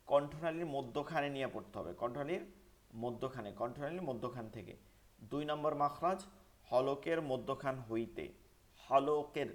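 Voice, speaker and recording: A man with a Bangladeshi Bengali accent teaching Quran pronunciation in an online class, repeating sounds for students to follow. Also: medium pitch. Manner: repetitive drilling, call-and-response recitation. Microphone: online class microphone.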